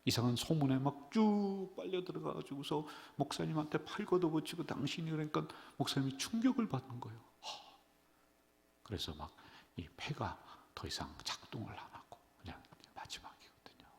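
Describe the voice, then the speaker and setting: A middle-aged man preaching in a church, his voice worn and subdued, leaping up to loud cries and dropping to near-whispers. His pitch swings widely as he talks. The sanctuary rings with a long, trailing reverb. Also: sing-song, fairly quick, vocal fry. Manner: emotional, swinging from loud exclamations to hushed whispers. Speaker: senior pastor. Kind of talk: sermon at a midweek prayer service.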